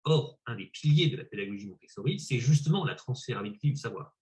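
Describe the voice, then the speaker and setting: A man with an ordinary mid-pitched voice asks a researcher a question. He builds it up step by step and frames the background thoughtfully before arriving at his point. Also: expressive, fast talker, a little mellow. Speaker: interviewer. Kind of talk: conference question.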